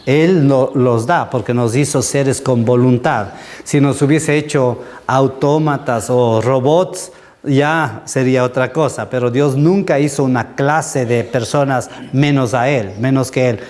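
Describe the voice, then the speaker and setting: A man's voice: medium pitch, unhurried, darkish tone. A middle-aged man, a pastor, teaching a sermon in a conversational way and answering questions from the congregation.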